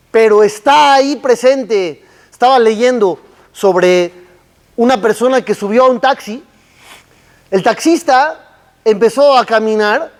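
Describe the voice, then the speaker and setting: High-voiced rabbi preaching slowly. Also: male voice, long reverb tail. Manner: slow, emphatic teaching with rhetorical questions. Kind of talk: sermon.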